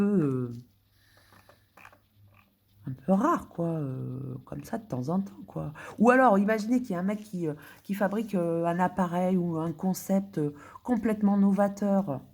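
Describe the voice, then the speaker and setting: A woman's voice: fairly low pitch, darkish tone, breathy edge. A woman from France thinking aloud in a casual monologue, muttering and whispering to herself as she searches for words, with indignant outbursts. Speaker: vlogger.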